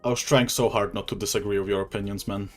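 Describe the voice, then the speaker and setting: A man hosting a casual chat on a voice call, quick and loose, with lots of fillers and small laughs. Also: fairly low pitch, fairly even intonation, faint music behind. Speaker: host. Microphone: voice call headset or desk mic.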